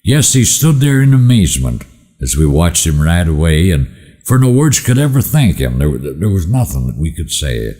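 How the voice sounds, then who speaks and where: A man with a folksy cowboy drawl recites rhyming cowboy poetry, haltingly repeating words and letting line endings fall away slowly. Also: low-pitched, sing-song, mellow. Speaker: cowboy poet. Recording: echoey hall with long reverb.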